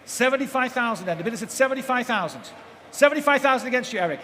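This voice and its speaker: A man auctioneering live in a large hall chants bids repetitively and prompts the audience for the next figure, his very high voice animated, rapid-fire, and sharp. It's an amplified event with an echoey, noisy sound.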